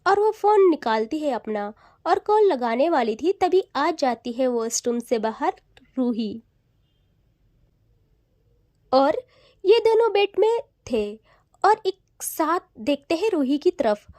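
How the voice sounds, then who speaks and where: A woman narrating a romantic audio story in a lively, dramatic reading. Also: sits high, measured pace, no echo.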